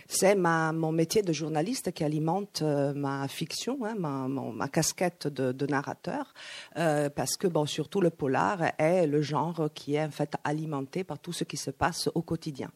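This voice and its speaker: A woman's voice: low-pitched, normal speed, a little mellow, husky. A woman working as a live interpreter, relaying a speaker's answers with hesitations and self-corrections. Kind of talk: consecutive interpreting at a live talk.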